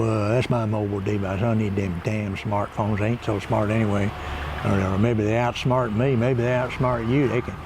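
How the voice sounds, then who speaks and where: Man doing a rustic backwoods guy, gravelly voice, meandering comic monologue, chuckling to himself, outdoors. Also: on the low side, a little mellow, a little hiss or hum. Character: rambling rustic backwoods man, folksy and cranky. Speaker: comedy monologue host. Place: outdoors by water.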